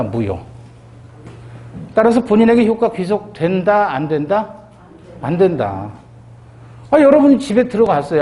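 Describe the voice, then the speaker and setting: A middle-aged man teaches civil law for an exam course in a lecture style. His voice sits high for a man and swoops up and down as he asks the class questions. He drops into quoted voices to act out short scenes. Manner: animated, acts out dialogue in quoted voices.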